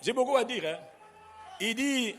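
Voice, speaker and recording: A man's voice: very high-pitched, expressive, unhurried, fairly bright tone, in a large hall, faint music behind. A man preaching a sermon. He preaches emphatically, asking the congregation to repeat words after him. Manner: emphatic, call-and-response preaching. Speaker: pastor.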